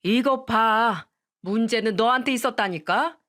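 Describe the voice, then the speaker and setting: A woman's voice: a little high, a little slow, a bit bright. Woman doing a scornful divorced man. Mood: scornful, scolding. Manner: scolding, contemptuous. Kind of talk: storytelling radio drama reading.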